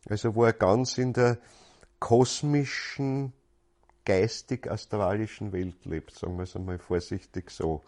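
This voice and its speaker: A man's voice: lowish voice, darkish tone. A man gives a spiritual lecture in a thoughtful, searching way, often repeating words as he goes.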